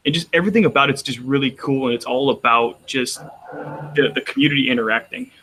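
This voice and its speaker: A man from Texas talks quickly on a roundtable, his mid-range voice bright and forceful with a Texan accent. The chat is casual and rambling, full of restarts. The recording is low-quality, with a little hiss or hum.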